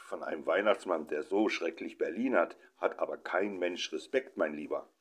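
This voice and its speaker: A man voicing a mocking older sister who speaks in a hushed, teasing tone. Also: deep voice, moderate pace. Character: mocking teenage big sister.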